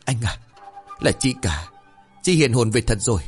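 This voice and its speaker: A man's voice: medium pitch, big pitch swings, moderate pace, faint music behind, lightly acted. A man voicing a frightened young second wife who speaks in a panicky, pleading way in a spoken ghost story. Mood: panicked.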